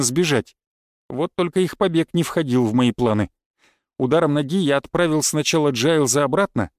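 A man's voice: on the high side, no echo, clean studio sound. Man narrating a first-person audiobook. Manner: calm, cold, matter-of-fact.

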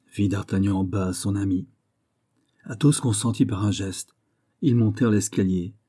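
A man reads a classic novel aloud in measured, even narration. His voice is low, very dark and mellow, with a husky grain. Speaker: audiobook narrator.

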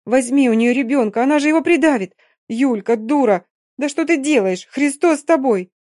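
A hot-tempered young woman yelling sharply in a raised, loud voice, as a female reader plays her. It is recorded dry and close. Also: sits high, normal speed, dry recording, voice pushed up, lightly acted. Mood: furious. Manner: shouting, sharp. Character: young Romani woman, fierce and quick-tempered.

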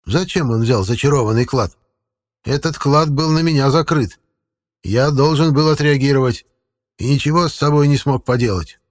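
A man voicing a small, grumpy, sly old male forest spirit with a slightly creaky, folksy voice. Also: mid-range voice, normal speed, voice pushed up, close to an everyday voice. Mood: grumbling. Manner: folksy, grumbling.

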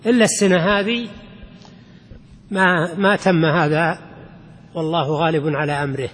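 An older sheikh lectures his students, explaining patiently and checking that they follow. His voice sits high for a man and sounds a little husky. The long reverb of a lecture hall trails after every phrase. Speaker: sheikh teaching rhetoric. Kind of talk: classroom lesson on a classical text.

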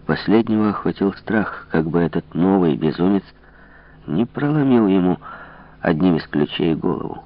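Deep-voiced guy reading an audiobook, measured and dramatic, muffled lo-fi sound. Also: animated. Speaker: audiobook narrator. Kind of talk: scripted narration. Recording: dull lo-fi recording.

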